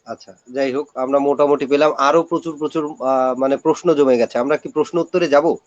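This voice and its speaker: A man hosting a live talk show, soft-spoken and brief as he reads out listener questions. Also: medium pitch, steady tone, brisk. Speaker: host. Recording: dull, dry lo-fi audio.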